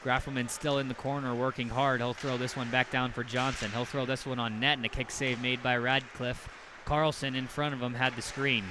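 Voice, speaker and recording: A man doing play-by-play commentary on a hockey game, with rapid calls that surge loud on goals. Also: medium pitch, flat delivery, noisy background. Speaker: play-by-play announcer.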